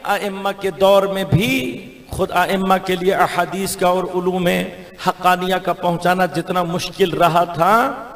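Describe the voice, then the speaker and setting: A man's voice: high voice, fairly even intonation, a bit bright. A man with a Pakistani Urdu accent, a Shia cleric preaching a majlis sermon as a rhetorical orator whose voice swells and drops. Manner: rhetorical orator with sudden rises and falls. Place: large imambargah hall. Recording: long hall reverb.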